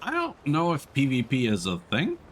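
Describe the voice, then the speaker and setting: On a close mic, a man streams a video game and keeps up a loose, slangy running commentary, laughing as he talks. His mid-range voice swoops wildly in pitch at a moderate pace, over a faint hiss or hum.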